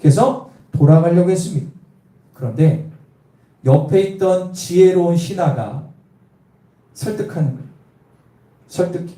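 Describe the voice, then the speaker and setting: High-voiced pastor preaching in an echoey room. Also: male voice, a little slow, long pauses, mellow, distant mic. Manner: storytelling, quizzing the congregation with questions. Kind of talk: sermon. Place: church.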